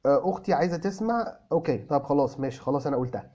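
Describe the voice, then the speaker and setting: Fast-talking Egyptian man, high voice. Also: expressive, dark tone, highs cut off. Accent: Egyptian Arabic. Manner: answers viewers by name, switching between Arabic and English phrases. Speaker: English teacher answering viewer comments. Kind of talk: casual chat. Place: in a car.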